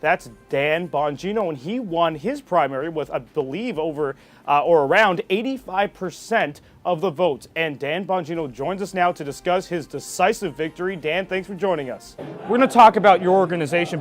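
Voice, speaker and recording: A man's voice: on the high side, expressive, fairly quick, faint music behind. A young man hosting broadcast news and political commentary in a conversational, emphatic presenter's delivery. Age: young adult.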